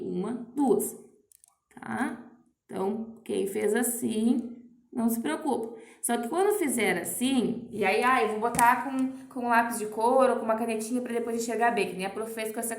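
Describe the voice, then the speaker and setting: This recorded remote class features a young primary school teacher, a woman with a Brazilian Portuguese accent and a fairly high voice, in an echoey room. Speaking slowly and patiently to the children, she sprinkles in "ó" and "tá?" to make sure they keep up.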